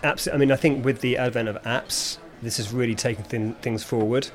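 A man speaking as a speech therapist in an even middle pitch. He lays out each technique step by step in a measured, explanatory way. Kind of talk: conversational explanation.

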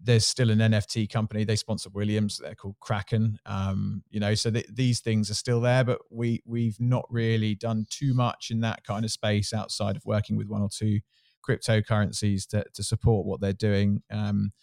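A man's voice: fairly low pitch, little pitch movement, normal speed, creaky, darkish tone, dry recording, studio quality. A middle-aged man from Surrey with a southern English Home Counties accent, answering interview questions in a casual, candid, self-deprecating way. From Surrey, England. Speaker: interview guest, sports marketing executive.

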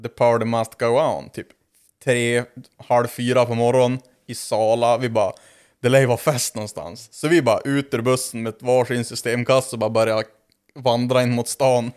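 A man's voice: medium pitch, fairly even intonation, a little mellow, clear, resonant tone. A young man in his twenties telling a rambling party story in casual chat, acting out quotes and laughing as he goes.

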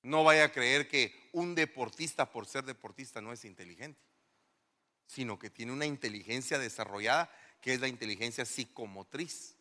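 A middle-aged male pastor giving an animated sermon in a church, firing rhetorical questions at the congregation. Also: medium pitch, moderate pace. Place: church hall. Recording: long church reverb.

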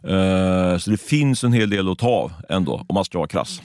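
A man co-hosting a casual news podcast, thinking aloud and often pausing on filler words. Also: low-pitched, lively intonation, a little mellow, no echo, clean studio sound. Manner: thinks aloud, filling gaps with "liksom" and "eh". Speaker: podcast co-host.

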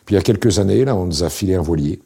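A man's voice: deep voice, racing, gravelly, breathy edge. A man in his late sixties, an interview guest telling wry, rambling anecdotes in casual conversation. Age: 60s. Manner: relaxed, wry, anecdotal with frequent fillers.

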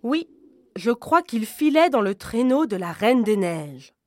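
A woman voicing a helpful pigeon in a storybook, with soft cooing. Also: on the high side, very animated, measured pace, no room sound. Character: cooing pigeon who saw the sleigh.

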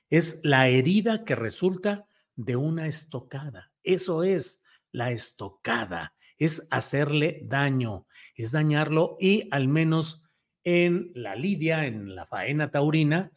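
A man giving solo political commentary, picking apart a text with sardonic corrections. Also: medium pitch. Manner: sardonic, corrects spelling point by point.

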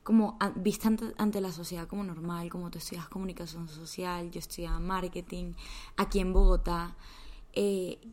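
Young woman, colombian accent, lowish pitch, casual podcast talk, slangy and chatty. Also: fairly even intonation, moderate pace, a little mellow. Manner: chatty storytelling with slang and swearing. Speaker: podcast co-host.

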